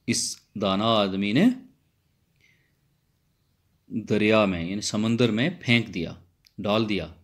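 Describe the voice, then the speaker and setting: A man, a Persian lecturer, reads a Persian text phrase by phrase and explains each one again in simple words. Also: fairly low pitch. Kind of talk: line-by-line text explanation lesson.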